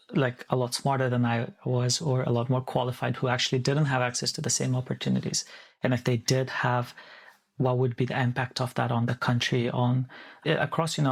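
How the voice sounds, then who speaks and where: A man, answering interview questions in a measured, thoughtful way with small restarts. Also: medium pitch, gravelly. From Afghanistan. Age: 30s. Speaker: guest.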